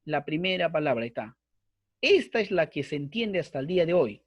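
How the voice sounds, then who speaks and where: A man's voice: on the high side, big pitch swings, fairly quick, dry recording. A man teaching a bible course online, explaining at length and repeating himself, with frequent fillers. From Peru. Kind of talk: online lecture. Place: online class with screen sharing.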